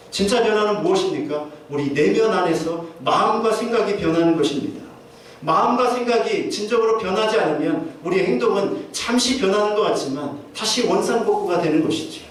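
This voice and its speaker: A man's voice: sits high, lively intonation, a little fast. A man preaching a sermon as pastor, earnestly asking his listeners question after question. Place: church sanctuary. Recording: very echoey church hall from far off, faint noise.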